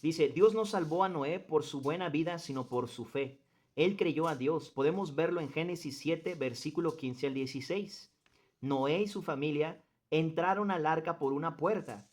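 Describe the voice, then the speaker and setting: A man's voice: fairly high pitch, moderate pace. A man with a somewhat raised voice leads a group Bible study. He talks in an earnest teaching manner, reads passages aloud, and puts questions to the group. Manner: earnest teacher who quizzes the group and stresses points.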